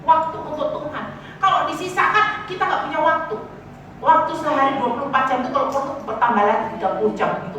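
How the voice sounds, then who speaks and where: A high, bright woman's voice preaches a lively, teasing sermon. She rings out through an echoey church hall, picked up from some distance, with a faint hiss behind her. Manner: lively, teasing, calls to the congregation.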